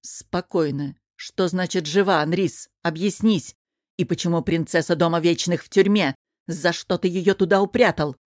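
A woman voicing a proud, hot-tempered young prince in an audiobook, with a guarded delivery that breaks into loud shouting. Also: on the low side, moderate pace, dry recording, studio quality, lightly acted. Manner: guarded, then bursting into shouting rage. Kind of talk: audiobook character reading.

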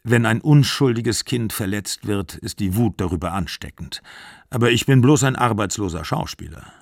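Weary middle-aged actor guy, read by a man, low quiet measured voice, gravelly, dry close sound. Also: lively intonation, dry recording. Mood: calm. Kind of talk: literary audiobook reading.

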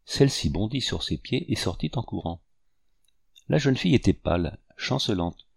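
Un homme qui lit un roman d'aventures, sur un ton de récit mesuré. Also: male voice, on the low side, big pitch swings, creaky, breathy edge, dry recording, studio quality. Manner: measured storytelling. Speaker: audiobook narrator. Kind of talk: scripted narration.

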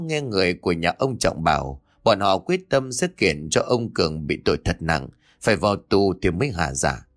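Expressive low-voiced male storyteller. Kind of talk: ghost story narration.

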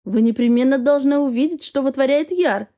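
Woman reading a bubbly, teasing young woman, high and mellow. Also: fairly quick, close to an everyday voice. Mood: amused. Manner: bubbly, laughing.

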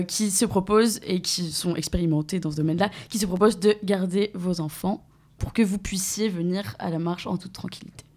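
A woman's voice: fairly low pitch, darkish tone. A woman, an activist guest on community radio, speaking hesitantly with fillers and laughing easily. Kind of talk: casual radio chat and reading a text aloud.

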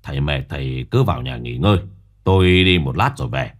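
A man's voice: rumbling low, animated, fairly quick, voice pushed down. A man voicing a curt, stubborn middle-aged village man who scolds. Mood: gruff.

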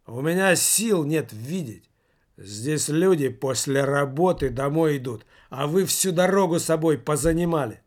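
A coarse drunk welder slurs his words in a slow, insolent drawl, as a male narrator puts him on. The voice sits a touch high for a man. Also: expressive. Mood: drunk, defiant.

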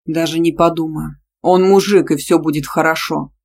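A woman's voice: fairly even intonation, moderate pace, darkish tone. A woman voicing a possessive, domineering young male gym teacher who speaks curtly and with menace. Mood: stern. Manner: curt, low and threatening.

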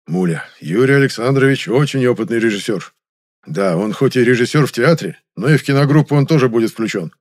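A man voicing a loud, bossy older male film official in an audiobook, scolding and booming. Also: lively intonation, brisk, lightly acted. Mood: persuasive.

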